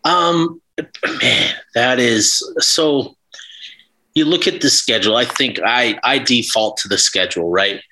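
Podcast co-host, male, bright tense tone, rambling and filler-heavy. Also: mid-range voice, measured pace, low-quality recording. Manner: rambling, many fillers and restarts. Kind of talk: casual sports podcast chat.

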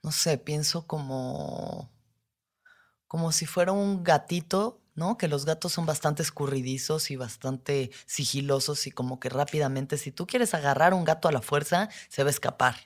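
Low-voiced Mexican woman, candid and reflective. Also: fairly even intonation, normal speed, hardly any pauses. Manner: candid, casual, with frequent slang and swearing. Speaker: podcast host. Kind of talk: personal reflective monologue.

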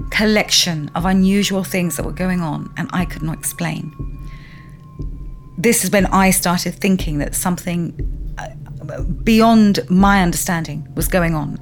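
Earnest woman recalling events. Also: on the low side. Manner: earnest, emphatic, repeats words for stress. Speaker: interviewee recounting a haunting. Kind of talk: personal testimony interview.

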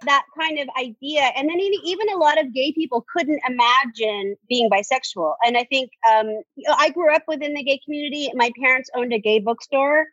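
A woman guest in a casual conversation, speaking in a reflective, measured way over a dry, muffled lo-fi recording. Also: sits high, a bit bright, no echo.

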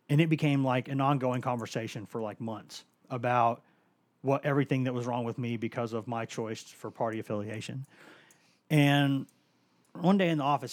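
A man, a sports reporter and co-host, telling anecdotes in casual chat, animated and quick to slip into impressions. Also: medium pitch, no echo. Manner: animated storyteller, fond of impressions.

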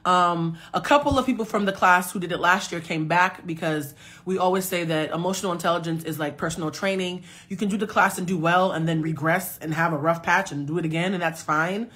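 This woman in her forties, a self-mastery coach, speaks briskly in a fairly low, slightly bright voice while hosting a casual phone live stream. Emphatic with her viewers, she reads their comments out loud.

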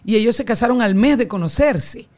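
A woman in her forties with a Venezuelan accent, a guest telling family stories in a loose, animated way full of restarts and slang. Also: fairly high pitch, brisk. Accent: Venezuelan Spanish. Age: 40s. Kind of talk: casual storytelling chat.

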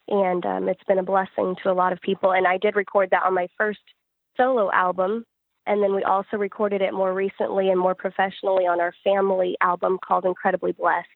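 A gospel singer-songwriter answers interview questions conversationally in a gravelly, mid-range voice. The audio is dry, narrow and tinny.

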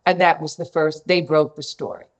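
A woman guest on a podcast, telling a story in a lively, effusive way and repeating phrases for emphasis. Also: low-pitched, normal speed. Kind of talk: conversational storytelling.

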